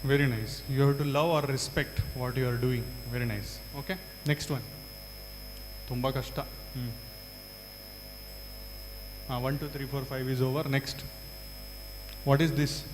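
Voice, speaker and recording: A man's voice: mid-range voice, fairly even intonation, unhurried, long pauses. A man with a South Indian accent teaching a large class, repeating answers and prompting students with short questions. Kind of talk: interactive classroom lecture to a large group. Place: large hall. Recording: echoey hall, reverberant, faint hum.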